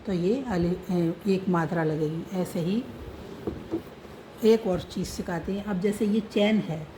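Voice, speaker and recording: A woman's voice: fairly low pitch, slow pace, background noise. A woman teaching how to read and write a script, spelling out letters and sounds patiently. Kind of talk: slow script lesson.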